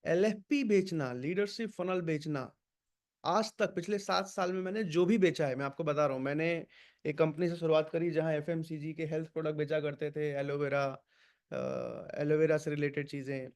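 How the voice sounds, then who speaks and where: A man leading an online sales training session, energetic and urging, switching between Hindi and English words. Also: fairly high pitch, normal speed.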